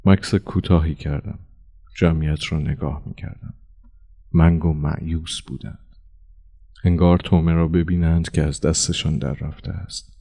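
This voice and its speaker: A man reading a first-person short story aloud as an audiobook narrator, with a measured, expressive delivery. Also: rumbling low, creaky.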